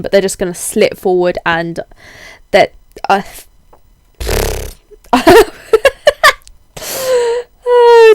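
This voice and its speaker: A young woman with a cold-hoarsened voice, chatting casually in a rambling, self-deprecating way as a video blogger. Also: medium pitch, dry recording. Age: young adult. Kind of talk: casual chatty vlog, answering tag questions.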